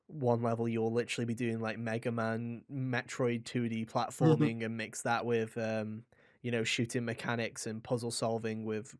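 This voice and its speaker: A man co-hosts a podcast reviewing video games, chatting casually in an informal, rambling, jokey way. His voice sits at medium pitch, and the studio-quality recording has no echo.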